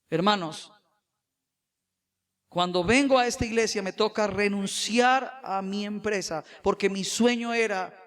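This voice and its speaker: A man, a pastor preaching a sermon in a church, moving between quiet personal testimony and loud, emphatic preaching. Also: sits high.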